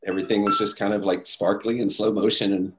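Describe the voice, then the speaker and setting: A man telling a story in casual talk, animated, acting out quotes with many fillers. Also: lowish voice, quick pace, background noise.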